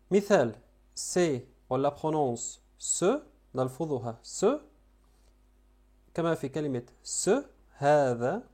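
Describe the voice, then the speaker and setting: A man whose first language is Arabic, teaching French pronunciation and slowly repeating each sound and word. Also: on the high side, darkish tone. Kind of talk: language lesson.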